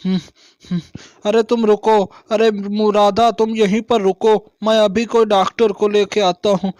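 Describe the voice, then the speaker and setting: A man's voice: sits high, little pitch movement, unhurried, a little mellow, no room sound. A man playing a fretful village father. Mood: worried. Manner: exclaims often, fretful.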